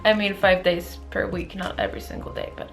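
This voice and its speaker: A woman in her twenties giving a relaxed, self-mocking vlog diary update. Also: fairly low pitch, fairly quick, vocal fry, faint music behind. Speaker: vlogger.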